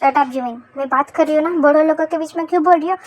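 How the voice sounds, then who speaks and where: A woman's voice: high-pitched, racing, natural voice. A woman voicing a strict, bossy mother who scolds her daughter in a fan-fiction voice story. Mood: scolding.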